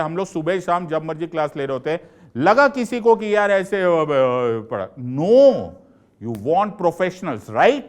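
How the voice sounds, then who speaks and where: A middle-aged male teacher speaks in a high, ringing voice. He delivers a loud, fiery motivational talk, exhorting his students and slipping English phrases into his lines. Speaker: UPSC teacher. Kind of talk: motivational talk to a live audience.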